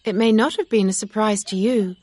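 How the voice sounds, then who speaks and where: A woman reading aloud, voicing an earnest young gentlewoman who speaks with emotion. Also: medium pitch, brisk, no echo, pitched above the performer's own voice, close to an everyday voice.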